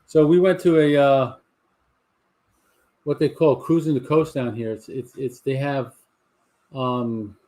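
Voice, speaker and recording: A man's voice: mid-range voice, takes it slowly, pauses often, mellow. Rambling sixty-something Southern man. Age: 60s. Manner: rambling storyteller with frequent restarts. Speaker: host of a livestream cigar talk show. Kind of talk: casual chat to a live audience. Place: home garage.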